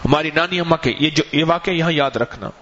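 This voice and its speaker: A male preacher telling a story in a sermon, animated, and acting out the dialogue of the people in it. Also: fairly high pitch, a little hiss or hum. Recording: muffled, lo-fi recording.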